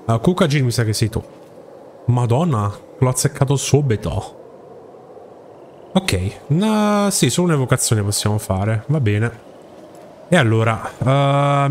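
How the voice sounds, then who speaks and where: A man giving casual commentary over his own gameplay, reacting loudly and talking to the characters on screen. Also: mid-range voice, a little hiss or hum. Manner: excitable, talks to the game and its characters. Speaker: gaming YouTuber. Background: game music.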